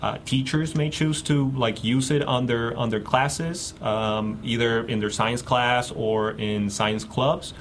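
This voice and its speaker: A man from Mexico, a guest researcher in a radio interview, talking haltingly with many fillers and restarts. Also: mid-range voice, steady tone, slight background noise.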